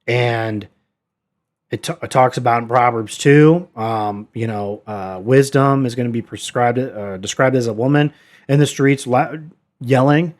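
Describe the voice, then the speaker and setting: A man teaching a Bible study in a relaxed, unscripted way. His voice sits in an ordinary middle pitch, and he turns earnest and exhorting as he talks, with frequent fillers and restarts. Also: unhurried. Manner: conversational, many fillers and restarts. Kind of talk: casual Bible study talk.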